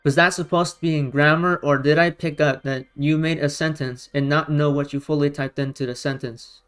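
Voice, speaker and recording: Soft music plays behind a male video commentator whose brisk voice sits on the high side, fairly bright and smooth, with mostly even intonation. English isn't his first language; it's Romanian or Russian. He argues back in an exasperated, combative way, leaning hard on emphatic rhetorical questions.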